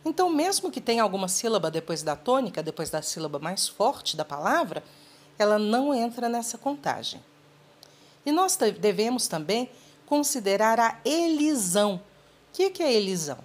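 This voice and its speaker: A woman's voice: on the high side, sing-song, moderate pace. A woman literature teacher explaining a lesson patiently and speaking to students directly. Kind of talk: recorded lesson.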